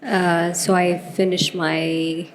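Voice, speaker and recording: A woman's voice: on the low side, little pitch movement, takes it slowly, slight background noise. A woman from Ethiopia, a guest speaking politely with hesitant fillers. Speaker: guest anesthesiologist. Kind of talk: conference interview.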